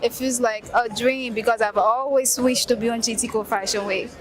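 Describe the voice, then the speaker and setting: A woman's voice: a little high, steady tone, normal speed. A Liberian woman fashion designer answering interview questions at an outdoor fashion event, eager and earnest. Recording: loud crowd at outdoor event.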